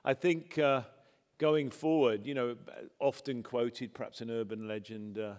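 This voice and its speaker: A man on a conference panel, giving thoughtful, measured remarks with some fillers. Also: mid-range voice, steady tone, darkish tone. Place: large conference hall stage. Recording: reverberant conference hall.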